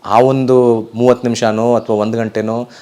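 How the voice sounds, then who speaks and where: A professional DJ from Karnataka, India, speaks earnestly and emphatically in a casual interview, often urging listeners and repeating his pleas. His mid-range voice is warm, with a level tone and moderate pace.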